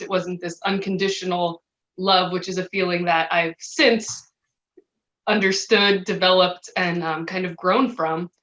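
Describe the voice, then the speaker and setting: A woman from New Jersey, a podcast guest, telling her own life story reflectively with many pauses and ums. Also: on the low side, fairly bright tone. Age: adult. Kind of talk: personal story interview.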